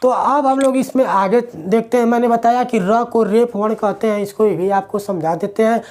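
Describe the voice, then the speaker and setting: A man's voice: high-pitched, normal speed, a little mellow. A male teacher, giving a classroom grammar lecture to students. He asks questions and answers them himself, repeating the key words.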